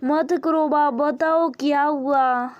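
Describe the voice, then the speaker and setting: A woman voicing a young married son who pleads earnestly and slowly with his mother, for a storybook. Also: high voice, steady tone, no echo, dull audio. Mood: pleading.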